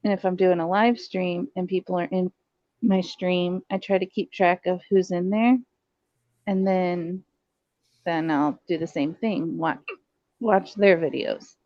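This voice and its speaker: A woman's voice: lowish voice, steady tone, unhurried, no room sound. A woman with the hiccups, chatting casually as a live stream guest and explaining things step by step. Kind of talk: casual chat. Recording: dry, dull lo-fi audio.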